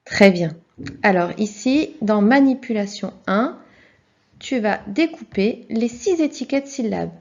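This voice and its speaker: A woman's voice: mid-range voice, expressive, takes it slowly. A woman teaching a children's video lesson, speaking patiently and encouragingly and addressing the child directly. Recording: dull lo-fi sound.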